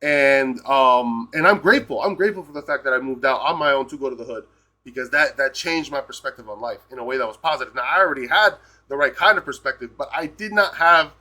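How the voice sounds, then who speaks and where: Bright-voiced man ranting. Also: mid-range voice. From Peru. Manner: rambling, emphatic, profane. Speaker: live streamer. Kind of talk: casual rant.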